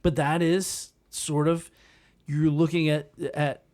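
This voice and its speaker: A man's voice: on the high side, level tone, takes it slowly, a little mellow. A man co-hosting a podcast in casual comedic chat, rambling and sweary as he talks. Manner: profane, rambling, conversational. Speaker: podcast co-host.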